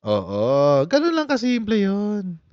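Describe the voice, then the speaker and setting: A man's voice: high-pitched, huge pitch swings, slow pace, dry recording, lo-fi sound. A man giving casual, mocking live commentary on the news, laughing often and repeating his jabs. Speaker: political commentary host.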